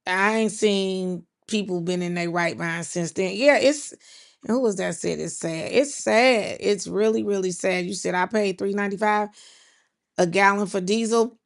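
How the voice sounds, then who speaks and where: A woman hosts a casual livestream and talks straight to her audience in the chat. Her voice is mid-pitched with a gravelly, creaky texture. She keeps up loose, chatty talk and often calls out to the chat. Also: steady tone, unhurried. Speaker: livestream podcast host.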